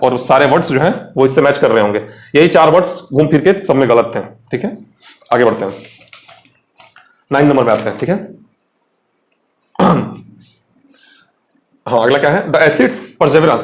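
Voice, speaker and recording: A man's voice: medium pitch, reverberant. A young man with an Indian accent teaching English vocabulary for an exam, chatty and mixing Hindi with English, often asking his students questions. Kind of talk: exam lesson explaining vocabulary.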